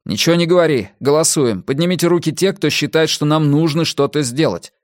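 Audiobook: a man voicing a desperate teen boy, barking orders at a raised pitch. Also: a little fast, dry recording, studio quality, close to an everyday voice. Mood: commanding. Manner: yelling commands. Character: teenage boy, desperate and bossy. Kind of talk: audiobook reading.

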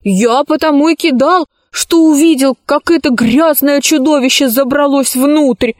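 Woman doing an excitable boy, high and loud. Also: measured pace, dry recording, studio quality. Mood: excited. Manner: eager, shouting.

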